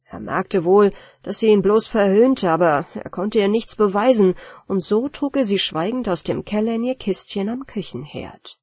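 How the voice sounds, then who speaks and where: A woman reading a bedtime story aloud in a slow, expressive storytelling manner. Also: medium pitch, breathy edge, no echo, clean studio sound. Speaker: audiobook reader.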